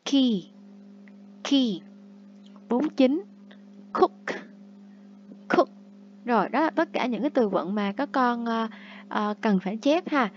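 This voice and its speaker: A woman's voice: on the high side, lively intonation, darkish tone, lo-fi sound, slight background noise. A woman teacher, patiently repeating vocabulary and explaining pronunciation rules to her pupils in a recorded review lesson. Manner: patient, repeats each word slowly for pupils to copy. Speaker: English teacher.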